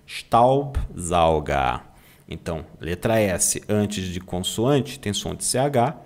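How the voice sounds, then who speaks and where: A Brazilian man teaching German online, who draws out German words slowly to model the pronunciation and keeps asking "tá?" to check that students follow. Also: lowish voice. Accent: Brazilian Portuguese. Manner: slow, drawn-out demonstration of German words, frequent "tá?" check-ins. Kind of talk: online language lesson.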